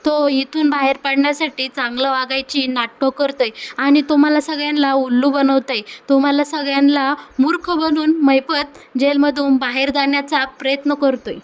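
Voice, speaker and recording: A woman's voice: sits high, level tone, moderate pace, hardly any pauses, natural voice. A woman voicing a teasing, scornful male prisoner in a retold TV serial scene, jeering at a fellow inmate.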